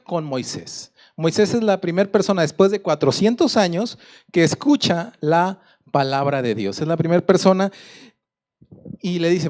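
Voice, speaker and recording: A man's voice: high-pitched, darkish tone. Mexican man preaching conversationally. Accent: Mexican Spanish. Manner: conversational storytelling, asks the audience questions. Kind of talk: sermon.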